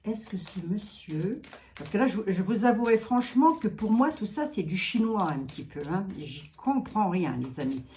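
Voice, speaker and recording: A woman's voice: medium pitch, animated, normal speed, hardly any pauses, dark tone, a little hiss or hum. A French-speaking woman doing a card reading, chatting casually with her viewers and filling her talk with asides. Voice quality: chatty, talks to viewers, many asides and "hein". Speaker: card reader.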